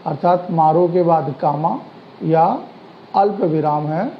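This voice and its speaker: A man teaching a grammar lesson to schoolchildren, explaining slowly and deliberately. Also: on the high side, slight background noise. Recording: dull lo-fi sound with faint ambience.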